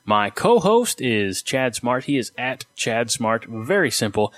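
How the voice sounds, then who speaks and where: A man co-hosting a podcast, a baritone with a jokey, upbeat manner in casual chat. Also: measured pace, no echo. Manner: upbeat, jokey, lively plugs. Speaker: podcast co-host.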